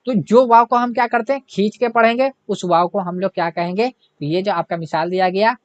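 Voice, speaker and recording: A man's voice: high-pitched, a little fast, no room sound, dull audio. A man teaching an online grammar lesson, asking the class questions and answering them himself, with a repeated "hai na". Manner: repetitive, keeps adding "hai na".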